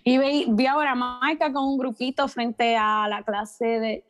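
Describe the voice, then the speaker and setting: A woman's voice: on the high side, fairly even intonation, measured pace, faint music behind. A young woman, chatting and reminiscing casually as a student podcast guest. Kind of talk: casual chat.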